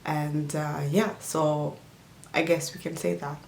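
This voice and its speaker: Her low-pitched, creaky voice moves slowly and stays level as she answers questions in a casual vlog on health and nutrition. The easygoing Djiboutian woman, for whom English is not a first language, rambles with many fillers and restarts amid roomy echo.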